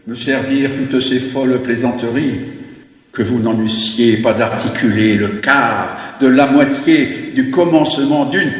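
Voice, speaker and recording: A man playing a witty, proud French gentleman in a theatrical verse monologue, declaiming in a hammy, grandiloquent stage manner with shifting tones. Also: medium pitch, close to an everyday voice. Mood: proud, cutting. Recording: very echoey hall, long reverb.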